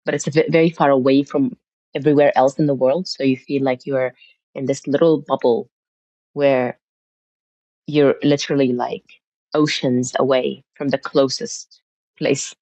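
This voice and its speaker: A Syrian woman appears as a guest on a podcast, sharing her family history in a reflective, conversational interview and often restarting. Her very deep, mellow voice holds fairly even intonation at a normal speed. The recording is dry, muffled, and lo-fi.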